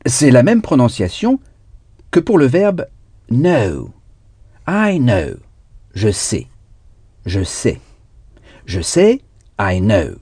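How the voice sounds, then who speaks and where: A male language teacher leads a recorded lesson, repeating each word and spelling it out letter by letter. He talks very slowly, and his pitch leaps widely from low to high as he stresses words. His voice is mellow and dark, recorded dry and close. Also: wildly swooping pitch, slightly rough, dry recording.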